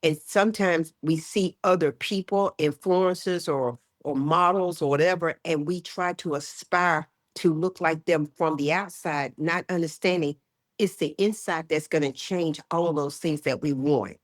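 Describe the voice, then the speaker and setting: A woman in her sixties, a health educator talking as a guest in an interview, emphatic and lively, often acting out what people say. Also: low voice, measured pace, dry recording, studio quality. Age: 60s. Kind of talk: casual interview chat.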